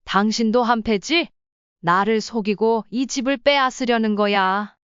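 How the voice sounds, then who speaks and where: A woman's voice: fairly high pitch, a little slow, smooth, no room sound, close to an everyday voice. A woman reading as a confused, accusing old wife. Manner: shouting, accusing. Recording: slightly dull lo-fi sound.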